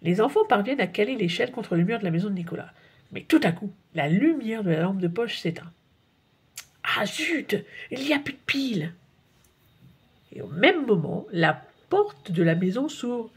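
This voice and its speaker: A woman narrating a children's audiobook in a lively, expressive storybook style. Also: mid-range voice, a little fast, husky. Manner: lively, expressive read-aloud.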